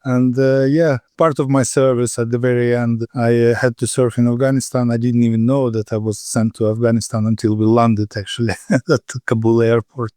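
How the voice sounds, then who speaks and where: Ukrainian man, 50s, podcast guest, level delivery, smooth voice. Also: mid-range voice, level tone, mellow, dry recording. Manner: candid storytelling with pauses and fillers. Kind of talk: casual interview over a call.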